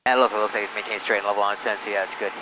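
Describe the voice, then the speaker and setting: A man's voice: on the low side, fairly even intonation, rapid-fire. A man working as a flight instructor, talking like a pilot in casual coaching and radio calls. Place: small aircraft cockpit. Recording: loud engine noise in small plane.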